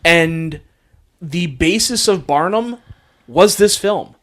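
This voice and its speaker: A man's voice: a little high, animated, slow pace, fairly bright tone. A man hosting a casual movie podcast, laughing often and explaining things with hesitant fillers. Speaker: podcast host.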